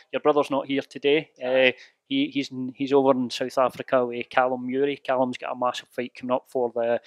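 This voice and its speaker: A man's voice: mid-range voice, no room sound. A man, interviewing a fighter at a gym on a handheld mic and asking long, rambling questions.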